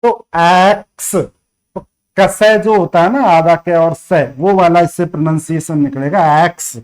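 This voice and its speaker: A man's voice: on the high side, a little slow. A man teaching beginner phonics, repeating each letter sound again and again and checking in often. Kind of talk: beginner phonics lesson in Hindi.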